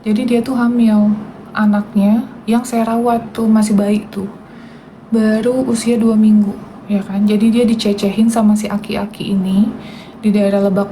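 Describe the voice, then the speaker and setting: A woman's voice: medium pitch, mellow, slight background noise, poor audio. A woman, hosting a casual livestream and talking indignantly and directly to her viewers. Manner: indignant, talks straight to viewers. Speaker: livestream host.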